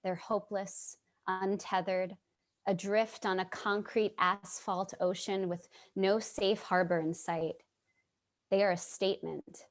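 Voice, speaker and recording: A compassionate, casually dressed middle-aged woman, a born-and-bred Manhattanite, narrates a dramatic monologue for a staged play reading from her home over a video call. Her mid-range voice is natural and level, and her slow, measured storytelling carries a somber, reflective mood.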